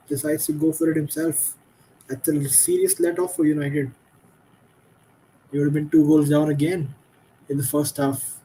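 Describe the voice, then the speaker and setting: A man's voice: on the high side, warm tone, a little hiss or hum, poor audio. A tired man hosting a late-night football watchalong, giving frustrated, critical reactions to the game as it happens. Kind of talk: live match commentary and reaction.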